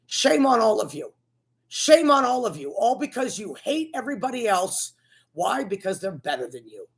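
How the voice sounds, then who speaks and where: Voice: mid-range voice, very animated, normal speed. A commentator giving an impassioned, sermon-like political rant in an accusatory, repetitive, preachy manner.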